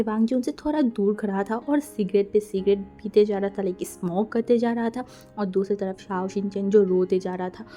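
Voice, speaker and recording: Brief: woman storyteller, chatty and lively, very dark mellow tone, faint music under. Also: medium pitch. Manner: chatty, mixes English words into Hindi, lively voices for characters. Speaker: fan fiction narrator. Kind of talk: casual storytelling narration.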